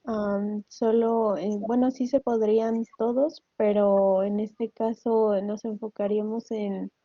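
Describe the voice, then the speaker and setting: A woman's voice: mid-range voice, flat delivery, takes it slowly, dull audio. A young woman with a Mexican Spanish accent answering her teacher in an online class, hesitant and searching for words. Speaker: university student. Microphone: video call audio.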